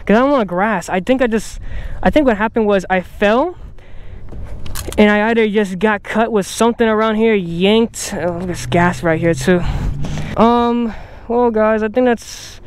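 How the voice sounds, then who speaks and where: Recording a casual vlog outdoors on his camera's microphone, a young man swears, jokes at his own expense and sounds like he's hurting. He speaks at a measured pace in a high-pitched voice, with slight background noise behind him.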